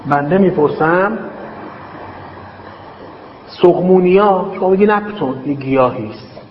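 Man lecturing slowly in an echoey hall. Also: high voice, lively intonation. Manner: dictates terms slowly, then explains with quick everyday examples. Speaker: teacher. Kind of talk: classroom lecture on logic. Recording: echoey, dull hall recording with faint hiss.

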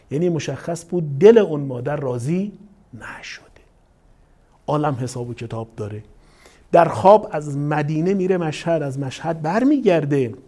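A male cleric delivering a sermon, telling a dream story and acting out the people in it. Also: fairly high pitch. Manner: animated storytelling, voicing quoted people. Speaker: caravan cleric.

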